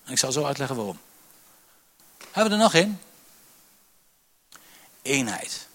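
A man, a pastor preaching a sermon to his church, swinging between loud calls and quiet asides. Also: medium pitch, very animated, moderate pace, breathy edge. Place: church hall.

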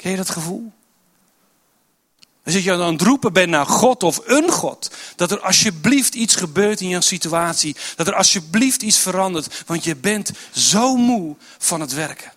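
A man preaching a sermon in a church service, earnest and repetitive, dropping to a soft voice for prayerful lines. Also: high-pitched, expressive, normal speed.

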